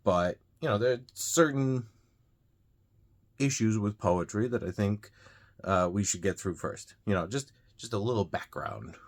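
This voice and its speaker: The host of a reading channel, a man with a fairly low, unhurried voice, casually explains poetry terms to viewers. He talks off the cuff, loose and unscripted, with frequent "uh"s, "you know"s, and restarts.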